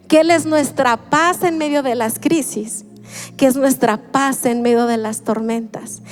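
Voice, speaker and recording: High-voiced woman preaching. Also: a little mellow, big-room sound. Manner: earnest, measured, slow for emphasis. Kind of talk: sermon. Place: church.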